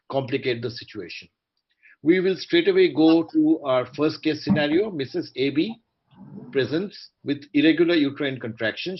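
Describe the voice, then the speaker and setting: An Indian-accented man with a polite, measured, articulate manner, moderating a formal online panel of doctors. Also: mid-range voice, husky. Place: online video call. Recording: dull, muffled video-call audio.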